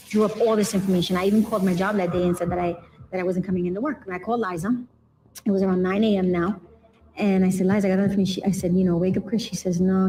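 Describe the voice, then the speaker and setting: A woman's voice: medium pitch, mellow, slight background noise, low-quality recording. A woman recalling her late brother in a documentary interview, telling the story by acting out the dialogue. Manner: storytelling, acts out quoted dialogue. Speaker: interviewee, late rapper's sister.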